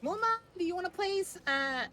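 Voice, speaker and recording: A woman streaming a game live, chatting playfully with viewers and breaking into loud tsundere-style outbursts. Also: very high-pitched, lively intonation, brisk, a little hiss or hum. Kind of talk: live gameplay chat.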